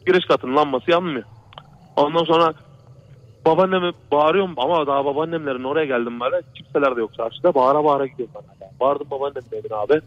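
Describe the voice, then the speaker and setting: A man on a call-in radio show rattles through a personal scare story at a quick clip, his voice sitting a touch high for a man. He rambles and repeats himself, looping back to the same phrases again and again. The sound is dull and lo-fi, like an old radio broadcast. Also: dry recording. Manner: rambling, repetitive, keeps saying "brother" and "he said". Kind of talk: telling a true horror story on a call-in show.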